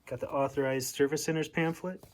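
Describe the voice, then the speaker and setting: An American hobbyist presents a casual, hands-on radio overview from his home, a furnace roaring loudly behind him. His voice sits fairly high, with fairly even intonation and a slightly quick pace.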